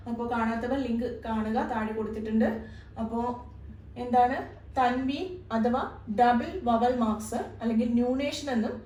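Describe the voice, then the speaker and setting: A woman's voice: on the high side, a little mellow, recorded from a distance, a little hiss or hum. A woman teaching an Arabic lesson step by step, patiently repeating each point. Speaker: Arabic tutor. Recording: echoey room, somewhat off-mic.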